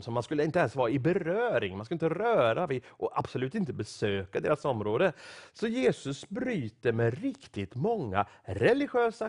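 A man from Sweden preaching a sermon, telling stories with acted-out quotes and growing excitement. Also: on the high side.

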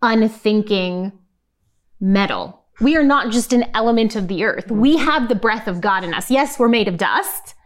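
A woman's voice: on the high side, expressive, normal speed. Earnest woman reading and explaining scripture. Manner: earnest teaching, reads verses aloud. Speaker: Bible program co-host.

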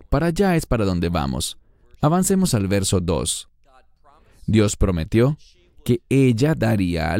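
A man teaching a Bible study lesson, explaining a passage verse by verse, slowing down on key words and putting questions to the listener. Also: mid-range voice, mellow, no room sound.

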